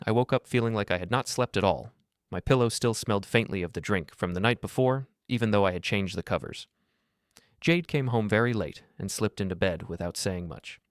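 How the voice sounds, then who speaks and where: Deep-voiced man narrating calmly. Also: dry recording, studio quality. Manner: calm, measured and even. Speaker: storyteller. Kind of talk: scripted first-person narration.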